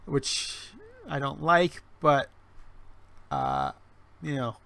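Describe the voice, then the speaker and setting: A forties-aged man hosts a casual livestream, reading chat through a webcam mic in a gravelly, bright, forceful voice of medium pitch. He talks extremely slowly with huge swings in pitch, rambling with restarts and fillers and poking wry fun at himself.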